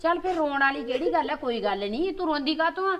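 A woman's voice: sits high, lively intonation, fast, a bit bright. A woman with a rural Malwa Punjabi accent, playing a caring older sister-in-law who keeps reassuring the other woman. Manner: soothing, reassuring.

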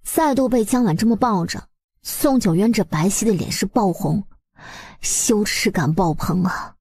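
A woman's voice: medium pitch, a little slow, a little mellow, slightly rough, dry recording, clean studio sound. A woman narrating a webnovel story expressively, in a colloquial, dramatizing storyteller's manner.

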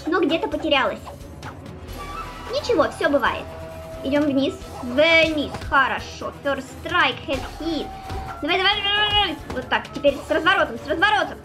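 A woman's voice: sits high, lively intonation, normal speed. A young woman giving playful, chatty, exclamatory commentary as a gaming host, in a casual Let's Play style. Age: young adult. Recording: music behind the voice. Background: game music.

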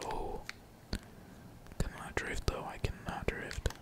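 A young gaming streamer whispers a slow, casual running commentary while he plays. His voice is pure breath with almost no tone, and he rambles in heavy slang, swearing freely.

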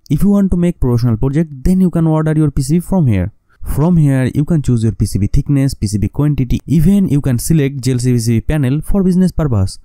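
A man's voice: medium pitch, dark tone, no echo. A man with a Bengali accent, a native Bengali speaker, narrating a scripted DIY how-to in non-fluent English. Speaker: host of a DIY electronics channel.

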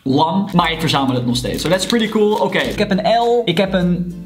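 Excitable YouTuber over background music. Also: medium pitch, brisk. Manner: animated, exclaims loudly, sprinkles English words. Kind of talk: excited unboxing vlog.

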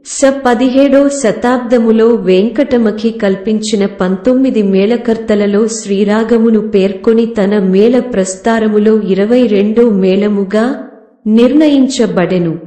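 A woman reading a scripted music lesson in a slow, measured recital of terms and lists. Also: mid-range voice, dark tone, reverberant. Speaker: music teacher. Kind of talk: scripted lecture on a raga.

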